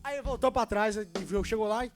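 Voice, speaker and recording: A man in his twenties from Brazil preaching a sermon and telling his own story, swinging between loud and hushed. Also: sits high, brisk, over music. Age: 20s. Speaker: young preacher. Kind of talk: sermon with personal testimony.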